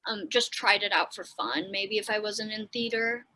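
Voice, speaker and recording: A woman's voice: mid-range voice, fairly even intonation, normal speed, bright, forceful tone. A young woman with a Wisconsin accent, chatting as a podcast guest and filling her talk with "like". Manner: chatty, lots of "like" fillers. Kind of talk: casual interview chat.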